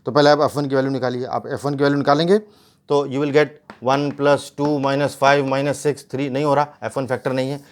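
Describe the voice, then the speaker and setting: Speaking briskly in a level, medium-pitched tone, a male teacher runs a whiteboard math lesson. He explains the steps, raises rhetorical questions, and uses English math terminology mixed into his talk.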